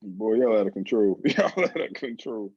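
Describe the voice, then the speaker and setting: A man joining a casual group chat over a video call, excitable and quick to laugh. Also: fairly low pitch. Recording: dull lo-fi call audio with faint hiss.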